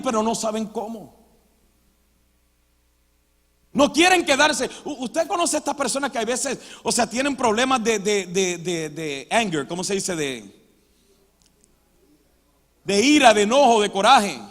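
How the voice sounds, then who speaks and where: A male pastor preaching a sermon, emphatic, moving between loud stresses and quiet passages. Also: sits high, lively intonation, measured pace, long pauses. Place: church hall. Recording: church hall reverb.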